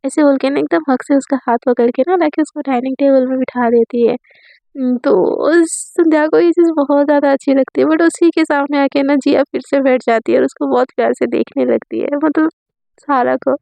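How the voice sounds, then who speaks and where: Chatty high-pitched woman telling a story. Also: fairly even intonation, fairly quick, vocal fry, warm tone, no room sound. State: dry throat from fasting. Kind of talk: casual story narration.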